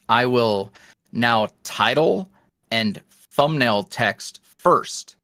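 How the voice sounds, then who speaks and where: Drawing out his words with big pitch swings, a young man at medium pitch and slightly bright tone chats as a podcast guest. The roleplay creator rambles in a self-reflective way, leaning on fillers and restarts, with no room sound in the recording.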